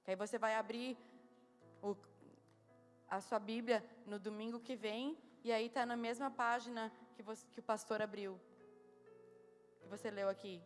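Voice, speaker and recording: Woman, Gaúcho accent, bright higher voice, blunt teasing preacher, long hall echo, soft music behind. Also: normal speed, long pauses. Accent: Gaúcho Brazilian Portuguese. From southern Brazil. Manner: blunt, teasing, animated storytelling. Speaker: conference preacher. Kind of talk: lively humorous sermon. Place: church conference hall.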